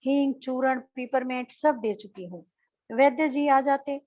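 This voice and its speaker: A woman's voice: sits high, takes it slowly, a little mellow, highs cut off. A woman teacher reads out the lines of a worried, tender mother of a sick boy. She soothes her son and pleads with her husband.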